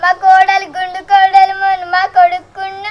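A woman acting in a village comedy skit, loud and complaining. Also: extremely high pitch, monotone, normal speed, highs cut off. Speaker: village comedy sketch actor.

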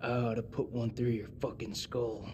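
An actor playing a hostile, hard-bitten soldier in a video game, gruff and curt. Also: male voice, medium pitch, level tone, normal speed, dull audio, noisy background, lightly acted. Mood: menacing. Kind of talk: dramatic video game acting. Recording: loud game music behind.

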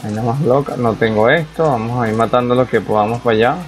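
A man's voice: medium pitch, steady tone, fast, soft background music, rough recording. A young man, commenting casually on a survival game as he plays and reacting aloud to what happens on screen. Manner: chatty, reacts aloud to the game, talks to himself. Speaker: gaming YouTuber. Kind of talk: casual let's-play commentary.

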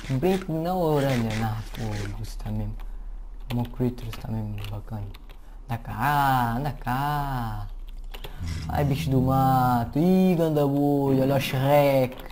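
A man with a European Portuguese accent giving casual, excitable, slangy commentary to viewers while he plays a game at his computer. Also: medium pitch, measured pace, a little hiss or hum. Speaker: gameplay commentator. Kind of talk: casual let's-play commentary. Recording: keyboard clicks and typing behind.

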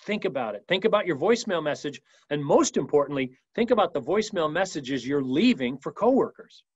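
A man's voice: fairly high pitch, brisk, husky, no echo, lo-fi sound. Upbeat man leading a webinar. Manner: lively, emphatic, acts out sample voicemails. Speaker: webinar presenter. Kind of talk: energetic business training talk. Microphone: video call mic.

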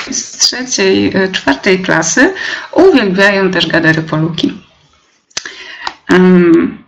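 A young woman teacher leading a live webinar, explaining step by step with many fillers and pauses. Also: medium pitch. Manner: slow, hesitant, many fillers, reads out chat replies.

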